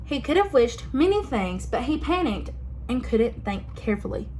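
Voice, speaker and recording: A young woman reading a picture book aloud to children, expressive and pausing to ask them questions. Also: fairly high pitch, slight background noise, poor audio. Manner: expressive, asks listeners questions. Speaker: children's story reader.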